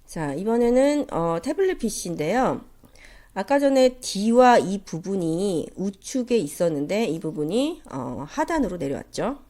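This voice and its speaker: A woman's voice: medium pitch, very animated, unhurried, mellow. A woman lecturer with a nasal, stuffed-up cold voice, giving a polite, explanatory lesson. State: congested with a cold. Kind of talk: instructional slide lecture.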